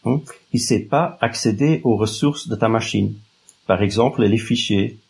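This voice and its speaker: Appearing as an expert interview guest, this native Dutch speaker from Flanders, Belgium, talks with a Flemish accent and frequently searches for the right word. His voice is lowish, darkish and slightly rough, with vocal fry and a measured pace.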